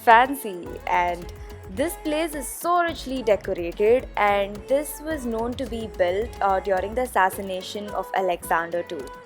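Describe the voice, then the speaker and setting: Young woman from india vlogging her trip, chatty, lots of ums, soft music behind. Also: medium pitch, lively intonation, a little slow. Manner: chatty, with frequent ums and uhs. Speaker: travel vlogger. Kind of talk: casual travel vlog narration.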